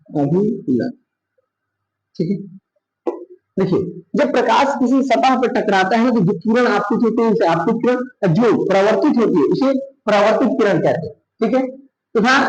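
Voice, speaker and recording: A man's voice: high voice, a little mellow, muffled recording. A man with a Bihari Hindi accent teaching a science lesson, asking questions and answering them himself. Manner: repeats "thik hai" often. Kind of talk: classroom lesson. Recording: echoey room.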